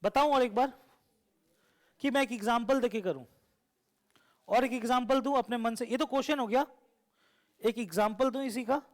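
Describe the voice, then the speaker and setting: A man with a fairly high voice, teaching math in a classroom. He keeps firing the same questions back at the students and teases them as he goes. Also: moderate pace, long pauses. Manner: teasing, asks the class repeated questions. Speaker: coaching teacher.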